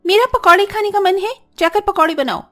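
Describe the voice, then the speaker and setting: Woman doing a bratty mean sister-in-law for a cartoon, high squeaky sneering voice. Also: sing-song, normal speed, soft background music. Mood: bossy. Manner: sneering, taunting. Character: spiteful, arrogant young sister-in-law. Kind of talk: cartoon story voice acting.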